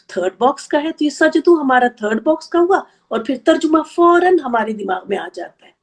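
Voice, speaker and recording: A woman teaching an Arabic grammar class, explaining patiently step by step and counting slowly aloud. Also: sits high, a little mellow. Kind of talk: online class lecture.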